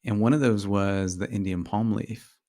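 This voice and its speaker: Man, podcast co-host, casual interview, low voice, creaky, hesitant restarts. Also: moderate pace, warm tone. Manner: hesitant, restarts his phrases.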